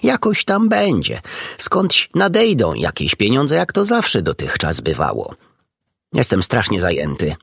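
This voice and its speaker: Storybook doctor; male reader as a kindly, unhurried vet, low, husky, dry close sound. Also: no room sound, heavily acted. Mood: unbothered. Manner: calm, reassuring, gentle. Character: kindly, unflappable old country doctor.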